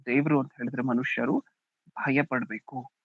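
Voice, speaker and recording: A man's voice: medium pitch, fairly even intonation, moderate pace, husky, no room sound. A man with a Kannada accent preaching a sermon, often asking the congregation questions and reading scripture aloud with emphasis. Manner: asks the congregation rhetorical questions, "hm?". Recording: dry, thin phone-like sound.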